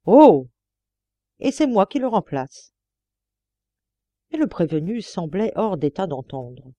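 Warm-voiced woman reading aloud. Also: on the low side, no room sound. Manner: measured, expressive reading. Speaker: audiobook reader. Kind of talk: scripted narration.

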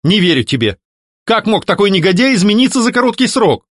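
A man's voice: high-pitched, big pitch swings, brisk, a bit bright, dry recording, studio quality, pitched above the performer's own voice, heavily acted. A man voicing a young countess who questions and commands firmly. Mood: angry. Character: young widowed countess, sharp and firm.

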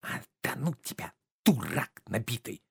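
A man reading a stage play aloud, voicing a middle-aged bourgeois wife who scolds her husband sharply, his voice pushed up high and loud. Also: very animated, measured pace, creaky, slightly rough, dry recording, clean studio sound, heavily acted. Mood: indignant. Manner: sharp, mocking, indignant.

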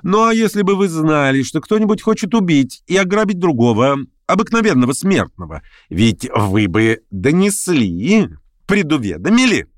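Brief: scheming young man, pushy and sharp, voice pitched up and swinging wide, a male reader acting him. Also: very animated, normal speed, dry recording, clean studio sound. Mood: needling. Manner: insistent, needling, raised voice.

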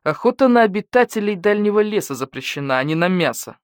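A calm, serious senior badger officer, as a woman reader plays him, quietly steering an interrogation in a children's storybook. The delivery still rises and falls in a lively way, with a dry sound. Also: medium pitch, quick pace, dry recording, pitched above the performer's own voice, lightly acted. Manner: calm, even, serious questioning.

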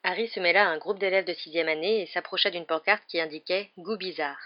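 A woman reading an audiobook in an even, measured storytelling manner, in a dull lo-fi recording. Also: lowish voice. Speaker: audiobook reader. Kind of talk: audiobook narration.

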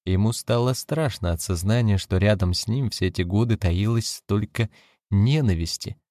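A man narrating a novel as an audiobook in a measured, steady way. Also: on the low side, dry recording, studio quality.

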